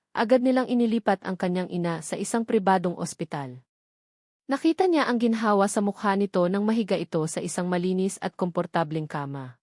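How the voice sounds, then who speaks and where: A woman with a Filipino accent narrates a scripted dramatic story. Her mid-range voice is a little mellow, and the studio-quality recording has no room sound.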